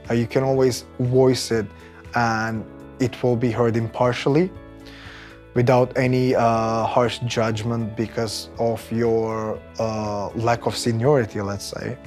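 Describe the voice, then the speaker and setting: A Turkish man in his thirties, a technical project manager, speaks conversationally with a Turkish accent while being interviewed as an employee. His voice is medium in pitch, level, slightly slow and a bit mellow. He wears a lapel mic in a bright indoor office beside large windows, with music playing in the background.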